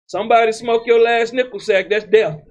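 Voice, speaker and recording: High-voiced man preaching emphatically. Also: steady tone, brisk, muffled recording. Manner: loose, emphatic, keeps adding "man"; repeats words while building a point. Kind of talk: street-style sermon.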